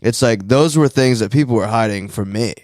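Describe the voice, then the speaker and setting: A man's voice: medium pitch, a little fast, a little mellow, no echo, clean studio sound. A young man from Maine co-hosting a podcast in casual chat, swearing often and talking with emphasis. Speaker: podcast co-host.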